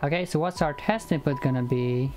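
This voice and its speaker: Over music, a young programming livestreamer with a highish voice talks a little fast, working through code in a casual chat full of fillers and restarts. Icelandic is his first language, and he streams on a headset mic from a room in his home.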